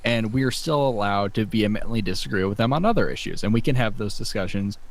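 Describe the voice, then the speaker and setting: A man hosting a casual podcast, talking in an animated, profane way. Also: on the low side. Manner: animated, profane, quick to laugh. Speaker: podcast host.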